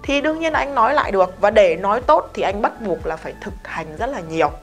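A woman's voice: mid-range voice, expressive, faint music behind. A woman teaching English pronunciation in a casual video lesson, explaining patiently and asking rhetorical questions. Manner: explains patiently, repeats example words slowly, asks rhetorical questions.

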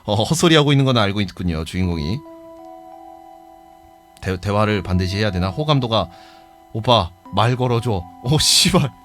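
A young man commentating his own gameplay live, sarcastic and quick to swear, breaking into loud outbursts. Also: on the low side, lively intonation, faint music behind. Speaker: game streamer.

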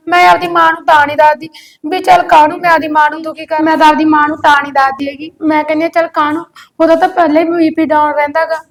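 A woman playing a wronged young wife, crying and pleading as she defends herself. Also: very high-pitched.

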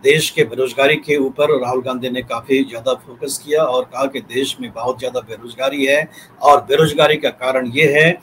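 A man in his forties, an editor, explaining policy on a video call from a book-lined study, measured and often pausing with fillers. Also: mid-range voice, fairly even intonation, a bit bright, a little hiss or hum, rough recording. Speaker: newspaper editor, analyst. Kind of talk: news analysis commentary. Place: home study with bookshelves. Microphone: webcam, video call.

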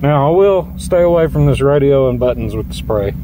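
A folksy man gives a casual hands-on demonstration with his mouth covered, so the words come out muffled. His pitch sits in the middle, and clear noise surrounds him inside a car. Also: expressive, a little fast. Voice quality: muffled behind a face mask. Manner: folksy, plain-spoken. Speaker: DIY car-cleaning vlogger. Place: inside a parked car, outdoors in daytime. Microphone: handheld phone filming from behind.

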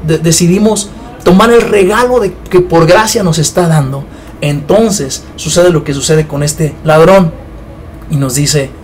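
A man's voice: high voice, slight background noise. A man giving an informal Bible teaching, talking conversationally and often checking in with his listeners. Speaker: preacher.

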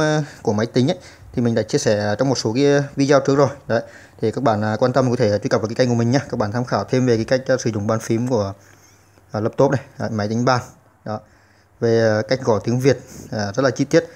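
A man's voice: medium pitch, darkish tone. A man hosting a computer typing tutorial, explaining step by step with many "à" fillers. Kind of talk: step-by-step screen-recorded tutorial.

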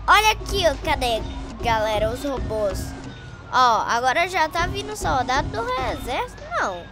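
Very high-pitched, panicky Brazilian woman gamer. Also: moderate pace, over loud music. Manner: excitable, exclaiming, panicking gamer. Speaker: gaming channel host. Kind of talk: excited gameplay commentary.

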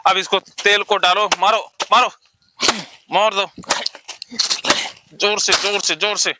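A man's voice: sits high, little pitch movement, takes it slowly, noisy background. A male psychologist leading a client through a therapy exercise, talking in an urgent, commanding way and repeatedly calling out encouragement.

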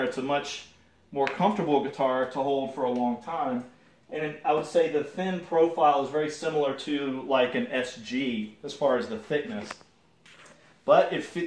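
Young guy chatting thru a guitar demo, kinda high voice, um-ing a lot, echoey room, mic far off. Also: slight background noise. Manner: relaxed, halting with many fillers. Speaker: guitar reviewer. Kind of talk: casual gear demo talk. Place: home music room with guitars and amps. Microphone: camera mic some distance away. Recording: roomy sound from off-mic. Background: electric guitar playing.

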